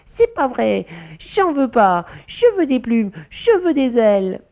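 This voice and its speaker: A man voicing a tiny, hot-tempered young mouse girl in a storybook, with high, shrill cries. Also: lively intonation, normal speed, mellow. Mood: furious.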